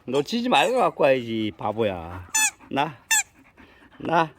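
A man's voice: medium pitch, wildly swooping pitch, slow, heavy background noise. A man playing with his dogs outdoors, coaxing and scolding them in baby talk and calling himself their dad. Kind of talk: casual talk to pets. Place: outdoors in a garden plot.

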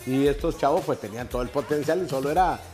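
A man's voice: medium pitch, fast talker, over music. A middle-aged man, hosting a casual interview in a chatty, effusive way. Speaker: TV host. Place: TV set in a betting lounge.

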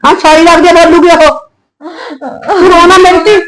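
A woman's voice: extremely high pitch, fairly even intonation, moderate pace, poor audio. An actress playing a fiery, scolding mother with a Punjabi accent who curses her daughter's in-laws. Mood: angry. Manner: abusive, fiercely protective, scolding.

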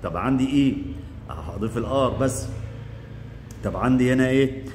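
A man teaching English grammar in Egyptian Arabic. He asks quick questions and answers them himself, and he drills the word forms aloud. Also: medium pitch, animated, darkish tone, in a large hall, a little hiss or hum. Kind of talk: classroom grammar lesson.

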